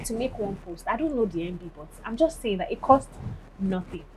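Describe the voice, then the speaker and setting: A woman with a Nigerian accent, a guest actress on a talk show, speaking emphatically and telling her views in a lively way. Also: mid-range voice, brisk, poor audio. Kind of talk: casual chat.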